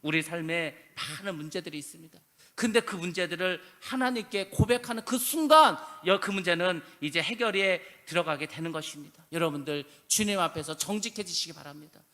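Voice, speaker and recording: A male pastor delivers a fervent sermon in a high, ringing voice. His tone is bright and cutting, and each phrase trails off into the long reverb of the church hall. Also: animated, a little fast. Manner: earnest, pleading, rising to fervent exhortation. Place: church sanctuary.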